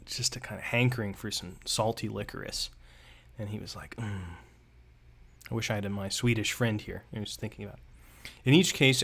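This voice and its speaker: A man's voice: lowish voice, fairly bright tone. A man teaching rhetoric on a live stream, reading passages aloud and then explaining them in a loose, digressive, joking way. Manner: casual, digressive, reads passages aloud then riffs with playful asides.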